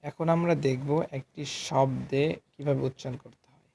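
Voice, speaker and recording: A man teaching a reading lesson in Bengali, spelling each syllable and then repeating the sounds in a steady chant. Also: mid-range voice, normal speed, creaky, a little hiss or hum. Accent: Bangladeshi Bengali. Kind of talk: slow drilled letter-by-letter recitation lesson.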